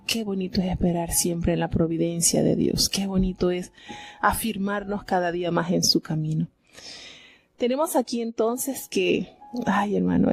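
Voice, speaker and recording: A woman's voice: mid-range voice, vocal fry, darkish tone, husky. A woman from Venezuela, giving heartfelt devotional Bible commentary and often asking her listeners "¿verdad?".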